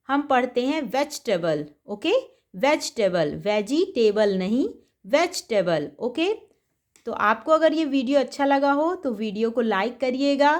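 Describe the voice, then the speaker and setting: A woman from India teaching children vegetable names, repeating each word slowly and carefully to show pronunciation. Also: sits high. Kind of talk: vocabulary lesson for children.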